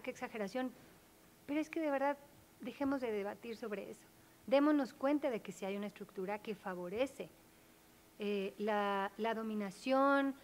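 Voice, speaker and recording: Earnest woman panelist. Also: a little high. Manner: earnest, explanatory, emphatic. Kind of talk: academic panel discussion.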